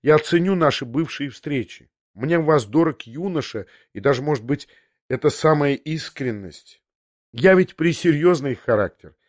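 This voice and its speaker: A man's voice: fairly high pitch, expressive, moderate pace, close to an everyday voice. A man reading an audiobook, voicing a young noblewoman who confesses in a breathless, restless way, half talking to herself, in a slightly raised voice. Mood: agitated. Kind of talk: audiobook character voice.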